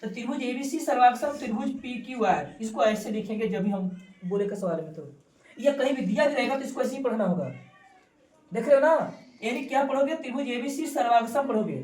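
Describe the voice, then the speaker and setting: Speaking animatedly and a little fast, a woman with a fairly high, darkish voice leads a classroom maths lesson, quizzing students repeatedly and going over every key term again. The distant recording captures a spacious, echoing room and faint background noise.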